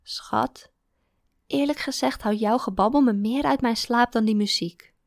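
A drowsy, soothing boyfriend, as a woman narrator whispers him, done as whispered role-play. The whisper is soft and gravelly, recorded dry and close. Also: a little high, measured pace, dry recording. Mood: sleepy. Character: sleepy adult boyfriend, tired and soothing.

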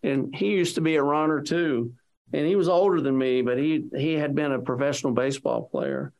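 A man's voice: a little high, fairly quick, creaky, darkish tone, muffled recording. A man being interviewed, telling a long personal story in a rambling way, full of "you know" fillers, and acting out what other people said. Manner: acts out quoted speech of others.

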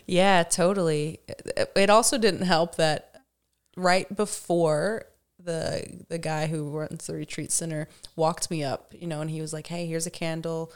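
Woman, conversational podcast guest, slightly low pitch, lively storytelling delivery. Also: unhurried. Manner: animated storytelling, frequent "like", laughs easily. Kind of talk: casual conversation.

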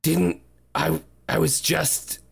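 A man improvises casually as a player in a tabletop role-playing game. His voice is extremely creaky and his pace is slow. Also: on the high side, sing-song.

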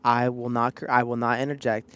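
A man with a mid-pitched voice chats casually as a podcast co-host. He has a teasing, playful way of telling stories and likes to act out what people say. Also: little pitch movement, fairly quick, a bit bright, clear, resonant tone. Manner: teasing, playful storytelling with acted-out quotes. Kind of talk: casual chat.

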